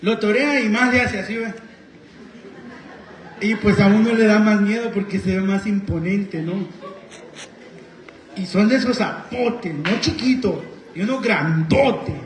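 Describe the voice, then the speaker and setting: Honduran male preacher, very high voice, slow, questioning, echoey church room. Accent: Honduran Spanish. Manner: asks the congregation questions, tells personal stories. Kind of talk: sermon. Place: church hall.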